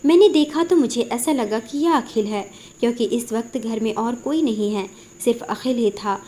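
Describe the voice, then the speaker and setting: A woman's voice: a little high, a little mellow. A woman narrating an emotional first-person Hindi story in an earnest, dramatic way.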